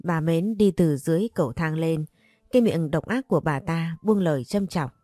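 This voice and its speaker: A woman narrating a melodramatic story in a steady voice. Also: low-pitched, normal speed, no echo. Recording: close dry voice over soft music. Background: soft music.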